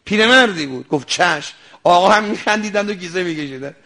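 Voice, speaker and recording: A man preaching an animated sermon, telling stories and acting out their dialogue, sometimes rising to a shout. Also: sits high. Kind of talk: sermon with storytelling.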